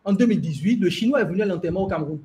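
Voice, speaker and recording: High-pitched guy telling stories all fired up, lots of restarts. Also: slight background noise. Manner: animated, fast storytelling with many restarts. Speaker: host. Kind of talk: enthusiastic discussion.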